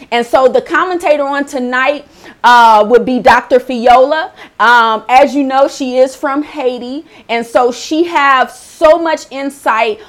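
A woman hosting a faith-based talk show in a chatty, animated way, laughing often. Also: high voice. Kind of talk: casual faith-based chat.

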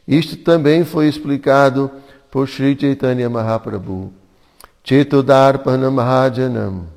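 A man's voice: mid-range voice, unhurried, creaky, darkish tone. Brazilian guy reading scripture to a class, chants the sanskrit bits, reverby hall. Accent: Brazilian Portuguese. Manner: reads steadily, chants Sanskrit verses in a singsong. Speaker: scripture reader at a devotional class. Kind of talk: reading scripture commentary aloud. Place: community hall at an ecovillage.

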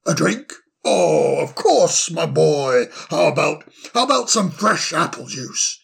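A man's voice: a little high, very animated, slow, creaky, breathy edge, exaggerated voice. A man voicing a cheerful, fussing older male owl doctor who chuckles as he fusses over a guest in a storybook reading.

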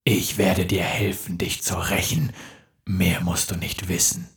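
A man voicing a commanding, cunning male sand demon with a deep, menacing voice and reverb on it. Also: level tone, measured pace, husky, heavily acted. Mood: sinister. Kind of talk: audiobook-style fantasy narration.

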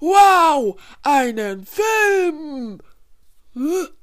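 A woman playing a goofy, dim-witted and excitable schoolboy in a homemade story. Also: sits high, takes it slowly, no echo, clean studio sound. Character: dim-witted cheerful boy pupil.

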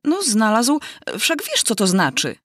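A woman's voice: mid-range voice, dry recording, clean studio sound, voice pushed up. A woman voicing a self-important mouse in a storybook reading, speaking in a prim, lecturing way. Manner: prim, lecturing, quickly irritated.

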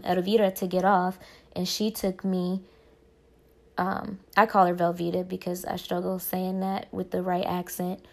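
Low gravelly young woman vlogging. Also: a little mellow. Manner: rambling, self-correcting, faith-focused. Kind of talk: casual personal storytelling.

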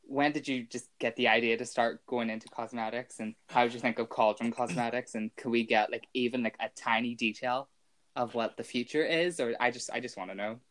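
A man co-hosting a casual podcast, excitable and jokey, swearing freely. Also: mid-range voice, brisk. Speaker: podcast co-host.

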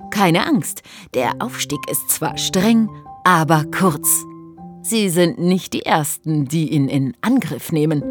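With a low-pitched female voice, an actress plays a chatty, scatterbrained narrator in a scripted, conversational audio play for a hiking trail. Her mood is dutiful and wry, though she still muses, hesitates, and wanders off into playful asides that stray from the script.

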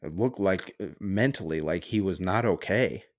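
Man, very low pitch, casual podcast monologue, sarcastic, heated, profane. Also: moderate pace. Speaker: podcast host. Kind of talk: casual solo rant.

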